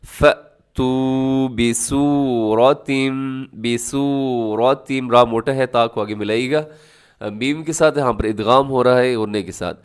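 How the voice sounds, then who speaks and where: A man teaching tajweed, explaining each rule and then sounding out words slowly and loudly, often asking the class rhetorical questions. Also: medium pitch. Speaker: Quran recitation teacher. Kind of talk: tajweed lesson.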